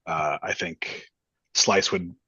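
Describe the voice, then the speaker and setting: A man's voice: low-pitched, fairly even intonation, takes it slowly, bright, forceful tone, breathy edge, dry recording. A man chatting casually as a player in a tabletop game. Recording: dull, lo-fi voice track.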